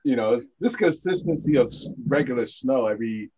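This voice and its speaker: A man's voice: medium pitch, animated, a little fast, a little mellow, breathy edge, highs cut off. A man co-hosting a casual sports podcast, talking in a laid-back, rambling way full of "like" and "you know". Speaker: podcast co-host.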